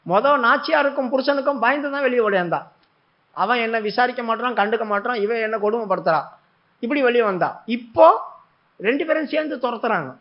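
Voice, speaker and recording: A man's voice: extremely high pitch, fairly quick. A man preaching a sermon, telling a story with feeling and acting out the prayers and the replies of God. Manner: animated storytelling, acting out prayers and God's words. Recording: dull lo-fi recording.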